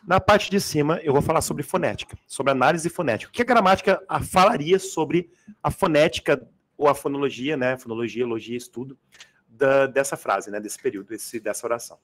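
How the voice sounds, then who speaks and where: A man's voice: mid-range voice, brisk, fairly bright tone. A man teaching a live grammar class for exam students, in a casual, slangy way, often asking the class to confirm they follow. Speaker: Portuguese teacher. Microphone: adjustable microphone.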